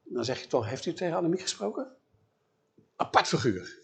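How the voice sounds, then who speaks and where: A man preaching a sermon, telling a biblical story in a lively way and acting out the figures he quotes. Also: fairly high pitch, fairly quick, creaky. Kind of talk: sermon on scripture.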